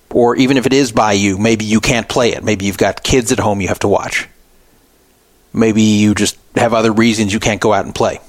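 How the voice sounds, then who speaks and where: A podcast radio host offers unscripted, opinionated commentary on poker news, explaining things off the cuff. His voice is medium in pitch, and the recording sounds dry.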